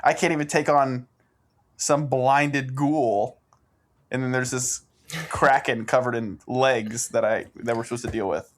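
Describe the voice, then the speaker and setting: A man's voice: medium pitch, steady tone, a little slow. A man playing a tabletop game, talking casually and searching for words. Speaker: player. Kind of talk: casual chat.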